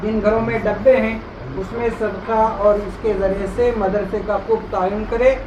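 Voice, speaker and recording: A man making announcements at a religious school in a halting way, with fillers. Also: sits high, level tone, dull audio. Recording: roomy, distant, noisy.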